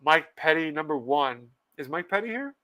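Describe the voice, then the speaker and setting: Smooth-voiced, laughing male podcast host. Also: fairly high pitch, lively intonation, normal speed, bright, forceful tone. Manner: laughs often, reads viewer comments aloud. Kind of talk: casual livestream chat.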